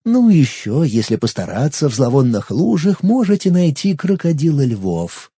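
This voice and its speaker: A man voicing a talking swamp, his soft, fawning tone morphing into a sly, nasty menace. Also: on the high side, big pitch swings, moderate pace, slightly rough, no echo, studio quality, heavily acted. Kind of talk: audiobook narration.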